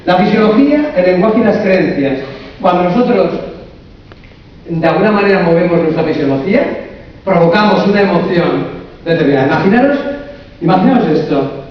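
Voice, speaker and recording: Man, fairly high voice, coach giving a humorous conference talk, heard from far off in a big echoey hall. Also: moderate pace, long pauses, muffled recording. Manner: humorous, lively, asks the audience many rhetorical questions. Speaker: coach and therapist speaking at a conference.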